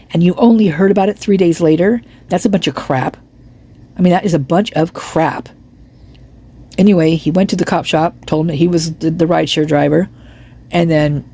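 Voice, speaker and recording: A woman's voice: lowish voice, vocal fry, dark tone, slightly rough. A woman hosting a vlog with casual, rambling commentary in a blunt, sceptical manner. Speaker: vlog host.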